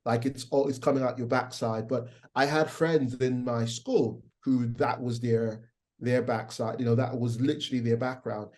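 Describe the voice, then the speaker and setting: Speaking at a normal speed with a mid-range, somewhat dark voice and fairly even intonation, a middle-aged interview guest chats loosely. His Nigerian accent carries a slight American twang, and he keeps restarting and using fillers as he rambles.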